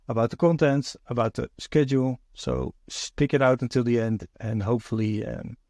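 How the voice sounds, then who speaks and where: With vocal fry and a darkish, medium-pitched voice, a podcast host from the Netherlands talks alone in his own show. His Dutch accent comes through as he muses hesitantly, often restarting and leaning on fillers, on a dry recording.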